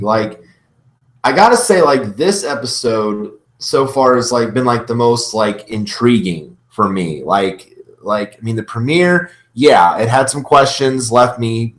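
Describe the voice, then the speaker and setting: A man's voice: mid-range voice, a bit bright. A man hosting a casual reaction video, commenting with gushing, repetitive fan enthusiasm. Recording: roomy echo, faint music behind.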